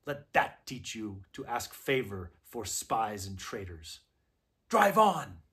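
A man's voice: lowish voice, takes it slowly, a bit bright. A man voicing a cruel and imperious witch queen who speaks in a commanding, contemptuous manner during a storybook reading. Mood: cold.

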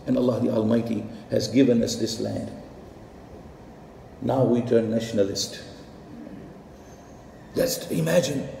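A man's voice: mid-range voice, fairly even intonation, unhurried, creaky, long pauses, mellow, a little hiss or hum. A middle-aged man from Pakistan, preaching an earnest, emphatic sermon as an imam on a headset mic. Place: mosque prayer hall, indoors. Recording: echoey hall with long reverb.

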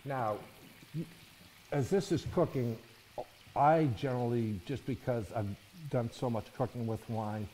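A man's voice: mid-range voice, a little slow, mellow, a little hiss or hum, rough recording. A middle-aged man, a chef, giving a cooking demonstration in a studio kitchen and explaining each step, often checking in with "okay?" and "all right?". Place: studio kitchen set, indoors.

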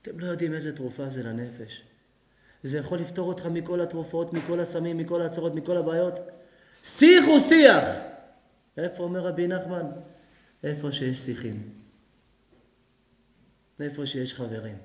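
Animated preaching man in an echoey hall. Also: fairly high pitch, long pauses. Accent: Israeli Hebrew. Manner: animated preaching, acting out both sides of dialogues. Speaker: rabbi. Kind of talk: sermon.

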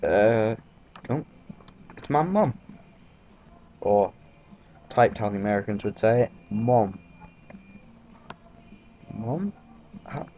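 A man's voice: lowish voice, animated, a little slow, long pauses, a little mellow. A man with a British accent giving rambling, casual gameplay commentary, full of fillers and swearing. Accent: British English. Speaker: let's play commentator. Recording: dull lo-fi mic, faint background noise.

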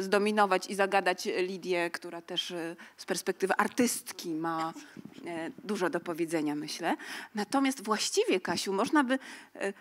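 A woman scholar answering questions on a literary panel, articulate and academic, often pausing with fillers. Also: mid-range voice. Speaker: haiku scholar, panel guest. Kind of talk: panel discussion at a museum event.

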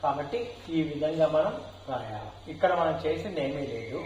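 A man teaching a step-by-step English grammar lesson, slowing down to dictate example sentences word by word. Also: fairly high pitch, lively intonation, a little mellow, dull audio. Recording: echoey room with faint hiss.

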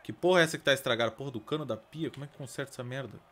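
A man with a Brazilian Portuguese accent giving let's play commentary as a gaming streamer, swearing constantly and breaking into loud outcries. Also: medium pitch, rapid-fire, slight background noise. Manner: profane, excitable, bursts into loud outcries.

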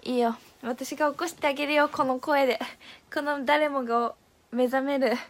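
Reading her viewers' comments aloud during a live stream, a high-voiced young woman answers them in a relaxed, chatty style. She's playful throughout and quick to giggle.

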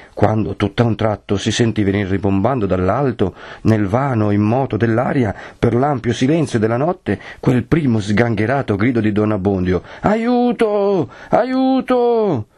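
Husky-voiced man reading aloud dramatically. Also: on the low side, darkish tone. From Italy. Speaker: audiobook reader. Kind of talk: audiobook narration of a classic novel.

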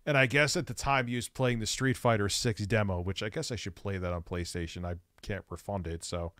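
A man's voice: fairly low pitch, steady tone, brisk, fairly bright tone, no room sound. Dry-voiced man giving mocking commentary. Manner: profane, mocking, laughs often. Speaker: streamer reacting to clips. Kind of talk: casual reaction commentary.

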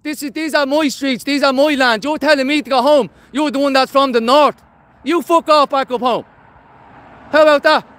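A man's voice: extremely high pitch, fairly even intonation, normal speed, fairly bright tone, no echo. A man from Dublin with a Dublin accent, vlogging live on the street, blunt and confrontational and swearing a lot. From Dublin, Ireland. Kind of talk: live street vlog commentary. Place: outdoors on city streets at a protest.

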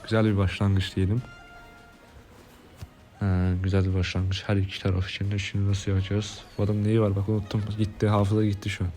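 A Turkish-accented man commentating his mobile game casually, cursing and yelling when frustrated. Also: fairly low pitch, monotone, a little fast, faint music behind. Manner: swearing, yells in frustration. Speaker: gaming streamer.

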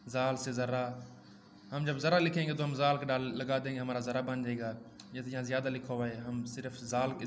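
A man's voice: medium pitch, slight background noise. A man teaching a braille lesson, patiently repeating each step and reciting dot numbers.

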